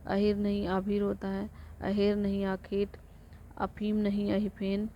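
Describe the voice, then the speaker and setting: Female tutor drilling exam word lists in a very flat voice; muffled recording. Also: medium pitch, a little slow. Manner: flat rote recitation, corrects herself. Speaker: teacher. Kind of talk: reciting exam vocabulary lists. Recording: dull lo-fi recording with faint noise.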